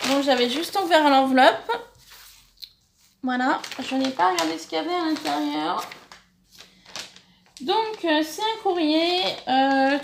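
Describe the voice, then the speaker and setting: A middle-aged Frenchwoman who hosts a scrapbooking channel chats with her subscribers in a casual vlog while opening viewers' mail, thanking each sender and often stumbling and restarting her sentences. Her voice is high-pitched and fairly bright, with vocal fry, and there is a little hiss or hum.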